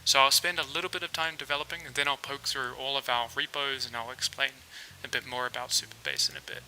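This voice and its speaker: Talking quickly in a mid-range voice, a relaxed developer from New Zealand livestreams his coding and thinks aloud, full of fillers. The recording is rough and carries a little hiss or hum.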